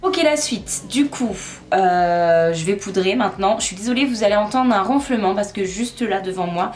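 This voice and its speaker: A woman's voice: medium pitch, expressive, moderate pace, darkish tone, a little hiss or hum. A young woman chatting casually through a makeup tutorial, self-mocking and talking while she works. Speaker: beauty vlogger. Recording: echoey room, faint music.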